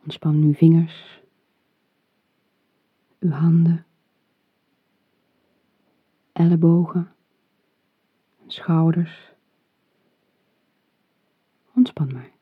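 A relaxation guide leading a meditation in a calm, soothing, soft and breathy voice, giving measured instructions. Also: mid-range voice. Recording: muffled phone-like audio, roomy echo.

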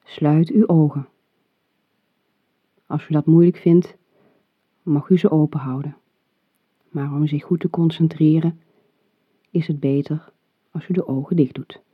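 A relaxation guide leading a meditation in a calm, soothing, soft and breathy voice, giving measured instructions. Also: mid-range voice. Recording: muffled phone-like audio, roomy echo.

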